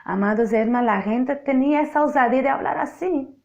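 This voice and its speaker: A woman's voice: high-pitched, a little fast, creaky, a little mellow, muffled recording. A woman from Portugal with a Portuguese accent, Portuguese native, giving an emphatic, repetitive spoken testimony sermon. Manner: emphatic, repeats phrases for effect.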